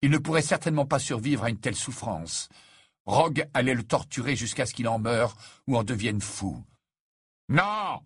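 A man reading a fantasy novel aloud in measured, dramatic scripted narration. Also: mid-range voice, slightly rough, no room sound, studio quality. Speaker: audiobook narrator.

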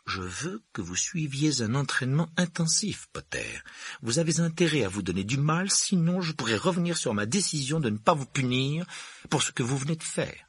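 A man's voice: mid-range voice, big pitch swings, moderate pace, fairly bright tone, breathy edge, no room sound, pitched above the performer's own voice. A man voicing a stern elderly female professor who speaks curtly and commandingly. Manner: curt, commanding.

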